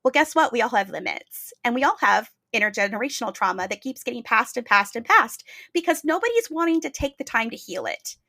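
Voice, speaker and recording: A woman's voice: a little high, big pitch swings, fairly quick, few pauses, bright, forceful tone, dry recording, studio quality. A woman hosting a podcast, telling a reflective story in an earnest, emphatic way. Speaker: podcast host.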